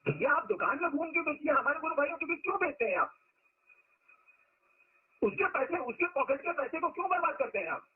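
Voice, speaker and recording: A man's voice: very high voice, very animated, a little fast, long pauses. A man giving a spiritual discourse to followers, telling stories and stressing words to make his point. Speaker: spiritual teacher. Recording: lo-fi phone-like recording.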